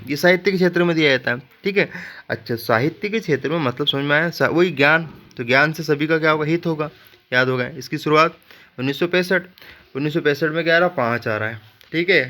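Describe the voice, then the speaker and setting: A man's voice: a little high, sharp tone. A male teacher giving a general knowledge lesson built on memory tricks. He jokes with his students and keeps checking in with "ठीक है". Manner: playful, joking asides to students.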